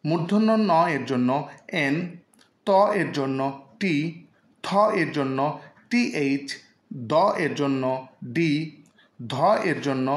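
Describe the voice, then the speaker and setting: Slow, echoey male English phonics teacher. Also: medium pitch. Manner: repeats each example word twice. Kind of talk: slow scripted phonics lesson.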